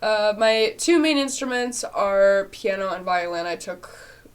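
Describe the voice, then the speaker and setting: Her mid-range voice is clear and resonant, with lively intonation and a slightly slow pace, as a young woman answers viewer questions in a casual home vlog from her small bedroom. Congested and nasal after being ill, she rambles, laughing and using fillers often.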